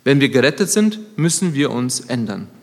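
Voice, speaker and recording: A man in his thirties preaching a sermon, lively and conversational, swinging between loud emphatic lines and quiet, low asides. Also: moderate pace. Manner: conversational, self-deprecating asides. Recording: long hall reverb.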